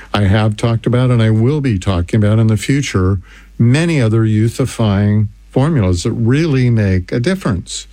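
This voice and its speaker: A man's voice: mellow, no room sound. Older man hosting a supplement radio show. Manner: earnest, pitchy, stretches words, repeats phone number. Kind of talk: infomercial radio talk reading testimonials.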